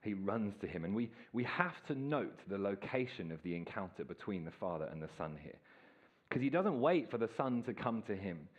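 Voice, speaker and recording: A man, preaching a sermon in a relaxed, storytelling way. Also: on the low side, normal speed, dull audio. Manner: casual, self-deprecating, lively storytelling. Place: church hall.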